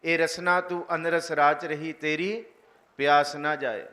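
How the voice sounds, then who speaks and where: A man preaching a sermon, slowly reciting verses and then explaining them, leading the congregation in chanting. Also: on the high side, fairly even intonation, bright, forceful tone. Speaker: Sikh preacher giving scripture commentary.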